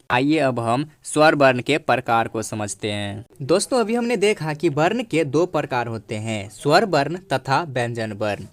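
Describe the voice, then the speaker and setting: A man teaching a grammar lesson, explaining each point patiently and repeating it, speaking to viewers as friends. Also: medium pitch.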